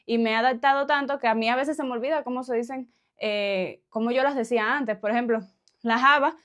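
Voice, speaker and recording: Here a vlogger from Cuba, Cuban accent clear, keeps things casual with her audience, laughing frequently and tossing out quick questions. The voice is a little high and a bit bright, moving fairly quickly.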